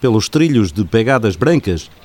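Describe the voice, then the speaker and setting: A man's voice: lowish voice, very animated, normal speed, a little mellow. Portuguese man narrating a radio documentary. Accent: European Portuguese. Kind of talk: scripted documentary narration, storytelling tone.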